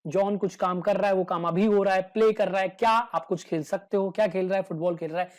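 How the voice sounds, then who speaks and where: A man explains English grammar as a teacher in an easygoing, humorous way. He acts out small everyday dialogues to make his examples clear. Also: sits high, fairly even intonation, fast talker. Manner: casual and joking, acts out little everyday dialogues.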